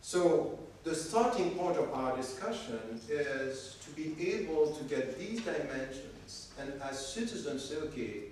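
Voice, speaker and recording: A man's voice: medium pitch, darkish tone, a little hiss or hum. Emphatic man lecturing in an echoey hall. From Switzerland. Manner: emphatic, repeats words while searching for them. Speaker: workshop speaker. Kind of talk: academic lecture. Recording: echoey hall, distant mic.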